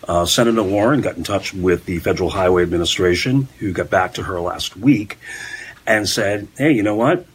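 A man's voice: deep voice, moderate pace, slightly rough, low-quality recording. A man working as a local news reporter, explaining a story conversationally in an unscripted discussion.

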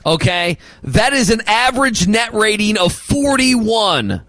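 A male sports radio host arguing basketball opinions and rattling off stats, with emphatic loud bursts. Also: sits high, sing-song, takes it slowly, dry recording, soft background music, poor audio.

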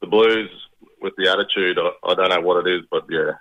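A middle-aged man with a Queensland accent speaks in a deep voice over a dull, band-limited radio call. He chats in a laid-back, slightly halting way, with local slang. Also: fairly even intonation, fairly bright tone. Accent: Queensland Australian. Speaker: radio interview guest, proud father. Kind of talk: casual chat.

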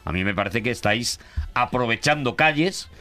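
A man's voice: mid-range voice, lively intonation, moderate pace, pushed and bright. A man hosting a comedic radio show, teasing the others with ironic, mock-grand remarks. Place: radio studio.

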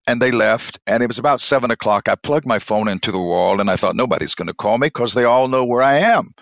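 A middle-aged bishop telling a personal faith story in an intimate, emotional way, sometimes dropping to a whisper. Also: male voice, mid-range voice, expressive, fast, fairly bright tone, dry recording, lo-fi sound. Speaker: bishop and chairman.

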